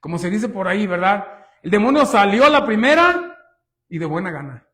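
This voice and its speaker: High-voiced emphatic preacher man. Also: very animated, brisk, fairly bright tone. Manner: emphatic, rhetorical questions, often says "hermanos". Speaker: pastor. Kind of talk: sermon.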